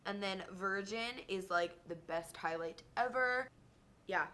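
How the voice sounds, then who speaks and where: A young woman chatting excitedly in a casual beauty vlog, gushing over her favorites and calling everything amazing. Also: mid-range voice, measured pace. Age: young adult. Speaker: beauty vlogger.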